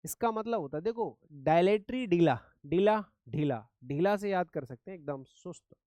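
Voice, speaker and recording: A man's voice: sits high, animated, moderate pace, a little mellow, dry recording. Hindi-English mixing male teacher, dry sound. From India. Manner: explains in Hindi with English words, repeats words with memory tricks. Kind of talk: vocabulary lesson.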